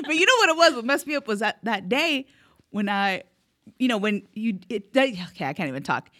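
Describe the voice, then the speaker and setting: A woman's voice: a little high, very animated, brisk, bright, forceful tone. A woman in her thirties co-hosting a podcast, telling a story in casual chat and laughing often. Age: 30s. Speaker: podcast co-host.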